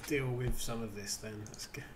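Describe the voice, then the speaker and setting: A man with a medium-pitched voice commentates casually on a video game. He thinks aloud in a chatty way, with clear game ambience behind him. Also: normal speed, a little hiss or hum. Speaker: gamer commentating. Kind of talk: casual let's play commentary.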